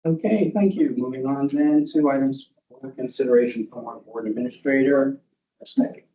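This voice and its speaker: A man's voice: medium pitch, normal speed, mellow, roomy sound. Distant, muffled man chairing a meeting. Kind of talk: brisk formal meeting procedure. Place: board meeting.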